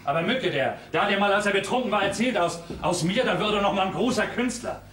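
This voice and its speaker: An actor playing a harried young sculptor, blunt and exasperated, recorded live on a roomy stage from a distance. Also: male voice, high voice, animated, fast talker, a little hiss or hum. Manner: exasperated, blunt, sometimes shouting. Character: harried young sculptor, man, curt with his ex.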